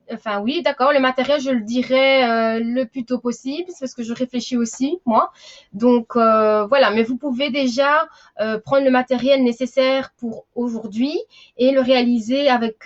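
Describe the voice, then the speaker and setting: A woman's voice: a little high, dull audio. Chatty woman teacher greeting children. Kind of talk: live online class for young children.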